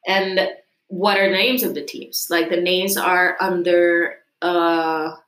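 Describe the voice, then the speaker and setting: A woman's voice: fairly low pitch, steady tone, takes it slowly, fairly bright tone. Curious woman hosting. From Costa Rica. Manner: curious, chatty questioning with many fillers. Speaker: host. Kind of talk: casual interview. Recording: echoey room.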